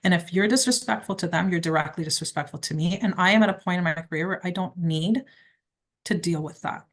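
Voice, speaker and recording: Talking at a quick pace in a fairly low voice, a middle-aged woman from Quebec, Canada, who works as a criminal defence lawyer, offers direct and emphatic advice. She's answering questions conversationally in an interview.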